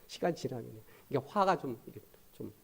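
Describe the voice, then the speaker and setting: A middle-aged male pastor giving a lively, conversational sermon and acting out little scenes to his congregation. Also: mid-range voice, fast talker, gravelly, slightly rough. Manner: lively, conversational preaching with acted-out asides.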